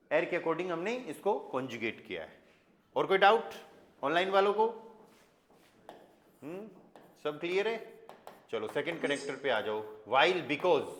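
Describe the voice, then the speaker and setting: A man with an Indian accent teaching a German grammar class in Hindi, explaining slowly and mixing in English and German examples. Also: fairly high pitch, a bit bright. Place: classroom with students and online learners. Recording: echoey classroom.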